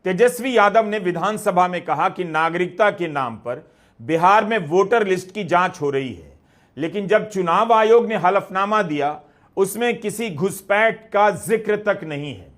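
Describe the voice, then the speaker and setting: A man anchoring a news commentary, reading a scripted report in a measured, questioning way. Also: high-pitched, expressive, a bit bright.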